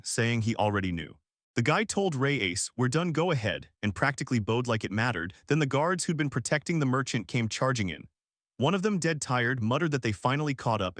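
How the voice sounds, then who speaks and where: A man's voice: medium pitch, a bit bright, no echo, studio quality. A man narrating a story recap in a dramatic, punchy scripted read.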